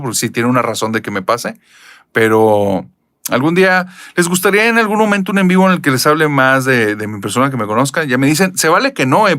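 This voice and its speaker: A man's voice: no echo, studio quality. A man from Nuevo León with a Monterrey accent, chatting expressively as a channel host while reading viewer comments. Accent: Northern Mexican (Monterrey). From Mexico, Nuevo León. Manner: expressive, chatty, lively pitch jumps.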